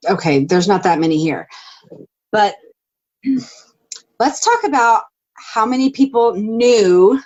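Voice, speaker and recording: A woman's voice: medium pitch, animated, takes it slowly, long pauses, darkish tone. A woman from Texas co-hosting a casual podcast chat, teasing and dry, laughing along. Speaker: podcast co-host. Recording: dull lo-fi sound.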